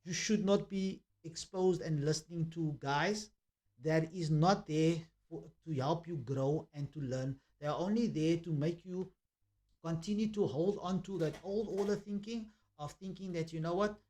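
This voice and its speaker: A man talking through a preachy commentary monologue. His voice sits a little high, and he circles back over his points with plenty of ums and uhs. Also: moderate pace, darkish tone. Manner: preachy, repetitive, with many fillers.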